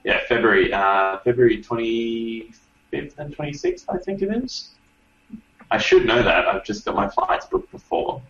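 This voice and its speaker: A man's voice: medium pitch, very animated, measured pace, fairly bright tone, roomy sound, highs cut off. A man with an Australian accent in a casual group chat, dry and joking.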